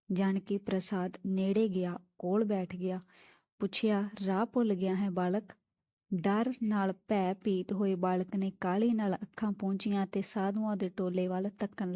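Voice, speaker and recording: A woman narrating a story in a calm, measured way. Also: medium pitch, no room sound, clean studio sound. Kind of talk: scripted narration.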